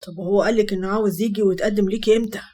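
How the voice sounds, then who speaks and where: Woman reading young Egyptian big brother, quick teasing banter, fast lines. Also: mid-range voice, fairly even intonation, dark tone, lightly acted. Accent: Egyptian Arabic. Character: teasing protective older brother, young man.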